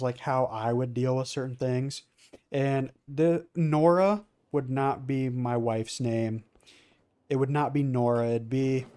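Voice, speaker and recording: A man's voice: mid-range voice, a little mellow, clean tone. Rambling man narrating his gameplay. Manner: rambling, filler-heavy, self-correcting. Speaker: let's play gamer. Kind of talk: casual game commentary.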